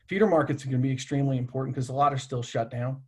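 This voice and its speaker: Husky man presenting a webinar. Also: medium pitch, steady tone, rapid-fire. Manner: casual, many fillers and restarts. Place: home office. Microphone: video call.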